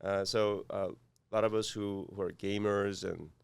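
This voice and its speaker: Korean accented guy on a podcast, deep gravelly voice, lots of uhs and restarts. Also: steady tone, no echo. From South Korea. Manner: halting, many fillers and restarts. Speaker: guest, cybersecurity firm founder. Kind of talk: podcast interview.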